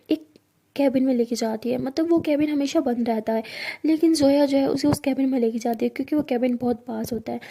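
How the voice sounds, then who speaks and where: A woman narrating a love story in a plain, steady, casual way. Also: sits high.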